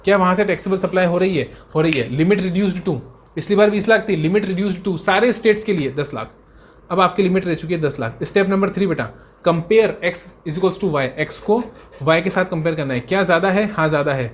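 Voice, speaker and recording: A man tutoring accountancy students in a brisk revision lecture. He repeats key points and answers his own questions in a student's voice. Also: sits high. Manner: fond, coaxing tone toward students.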